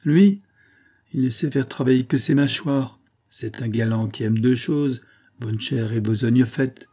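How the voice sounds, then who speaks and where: A man voicing a jovial, gossipy old male peddler in a storybook reading, hearty and loud. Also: medium pitch, fairly even intonation, measured pace.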